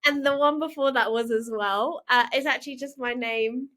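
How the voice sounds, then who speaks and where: A woman hosting a casual interview, running quick quiz games and laughing often. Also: sits high, a bit bright. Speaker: host.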